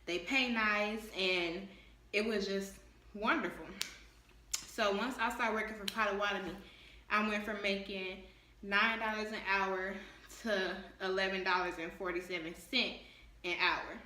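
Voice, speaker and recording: A woman's voice: medium pitch, steady tone, measured pace, sharp tone, echoey room. A young woman of about nineteen giving candid, chatty advice in a casual vlog, talking straight to her viewers. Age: young adult, about 19. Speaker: vlogger.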